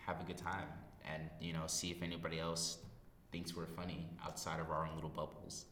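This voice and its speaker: Deep voiced 19 yr old guy joking around on a podcast, hallway echo, bit of noise. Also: completely flat delivery, fairly quick, a bit bright. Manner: self-deprecating, joking. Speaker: podcast host. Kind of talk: casual unscripted chat. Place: small echoey library study room. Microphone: podcast microphone. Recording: echoey room, reverb, background noise.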